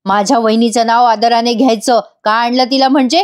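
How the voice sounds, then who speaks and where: A woman's voice: a little high, fairly even intonation, a little fast, lightly acted. A woman voicing an angry, hot-headed grown man who scolds his family. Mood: indignant. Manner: scolding, accusing.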